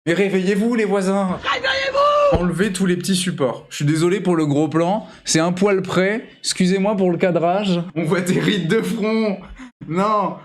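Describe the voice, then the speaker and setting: A young man hosting a charity livestream from his home, chatting playfully and teasing while he draws, sometimes bursting into high shouts. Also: moderate pace, a little hiss or hum. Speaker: charity stream host. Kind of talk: casual livestream chat while drawing. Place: home room.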